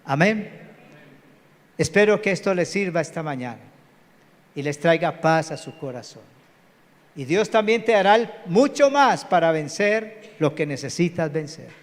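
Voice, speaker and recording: A man's voice: on the high side, lively intonation, unhurried. A man preaching a live church sermon as pastor, calling on the congregation to say amen. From Colombia. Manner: preachy, calls out to the congregation for amens. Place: large church hall. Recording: reverberant church hall.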